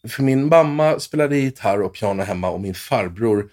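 A man's voice: fairly low pitch, animated, a little mellow. A man in his fifties from Sweden, a guitarist telling stories in an interview with many restarts and fillers. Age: 50s. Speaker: guitarist guest. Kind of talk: storytelling interview.

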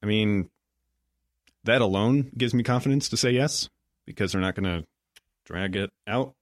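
Deep-voiced thoughtful man, close and dry. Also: normal speed, no echo. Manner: thoughtful, hesitant phrasing. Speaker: podcast co-host. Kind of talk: casual chat.

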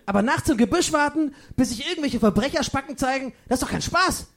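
A man's voice: extremely high pitch, lively intonation, fast talker, gravelly, a bit bright, exaggerated voice. A man playing a lazy, grumbling young gamer who whines about detective work in a comedy radio play. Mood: whiny. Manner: whiny, grumbling. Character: lazy grumpy young gamer, whiny sidekick.

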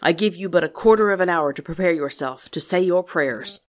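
A fearsome male beast, as a woman reads him, proud and blunt, with a stern and commanding delivery. His voice sits low for a woman's reading, hard and loud. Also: fairly quick, close to an everyday voice. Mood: wrathful.

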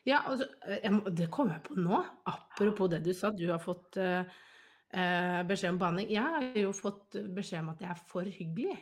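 A woman chatting casually as a podcast co-host. She tells anecdotes and breaks into laughter often, with a relaxed conversational flow. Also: mid-range voice. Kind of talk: casual chat.

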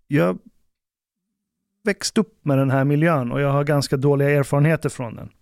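A man recounts a story to his co-hosts in loose podcast chat. His voice is smooth and sits fairly high, and he keeps slipping into the voices of the people he quotes. The sound is dry and close. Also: dry recording. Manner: animated storyteller acting out quotes. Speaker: podcast host.

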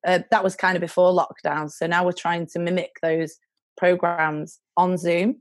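A woman's voice: fairly low pitch, level tone, moderate pace, no echo, clean studio sound. A young woman with a British accent, chatting casually as a podcast guest about her own experiences. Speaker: charity worker, podcast guest. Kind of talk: casual chat.

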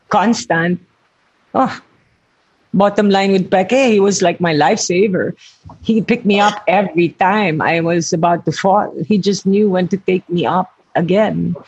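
Her voice is fairly low, with vocal fry and a slightly rough, mellow quality, heard through dull audio. She's an older Filipino actress giving a reflective interview about her work, speaking earnestly, groping for words, and frequently revising herself.

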